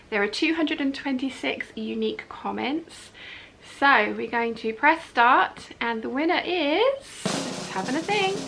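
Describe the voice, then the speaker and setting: A British woman hosting a casual, chatty giveaway announcement video in an upbeat, excitable, emphatic way. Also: medium pitch, gravelly, a little hiss or hum. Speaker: video channel host.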